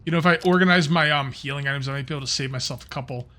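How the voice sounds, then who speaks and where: A gaming YouTuber speaks very fast in a sharp, mid-range voice, with slight background noise. He rambles casually to his audience throughout his let's-play.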